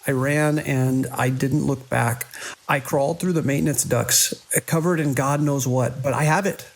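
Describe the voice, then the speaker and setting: Playing the beleaguered, idealistic director of a hospital in a horror audio drama, the male actor delivers halting, earnest, urgent phrases that sound shaken and haunted. His voice is mid-range and steady with vocal fry, captured in a low-quality recording.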